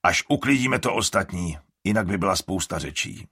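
A man voicing a calm, practical grown man in an audiobook. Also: low-pitched, husky, dry recording, studio quality, heavily acted.

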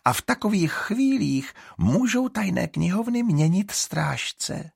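A sly young schemer of a girl, pitched high and bright above the reader's own voice, as a male narrator puts her on. Her speech swoops widely and has a husky, creaky grain. The close, dry recording suits an audiobook. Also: sing-song, dry recording, exaggerated voice. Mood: explaining. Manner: pleading then scornful.

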